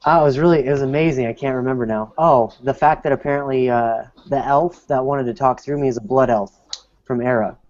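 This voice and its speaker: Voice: mid-range voice, fairly even intonation, a little fast, darkish tone, no echo. A guest in a casual chat, hesitant, full of "um"s and restarts, swearing now and then. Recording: dull lo-fi sound.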